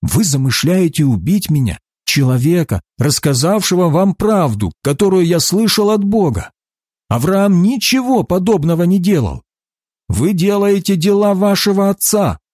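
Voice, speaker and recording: An earnest male teacher speaking with solemn emphasis, as a reader voices him. The voice sits fairly high and moves a lot in pitch, with a dry, close sound. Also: very animated, moderate pace, darkish tone, no room sound.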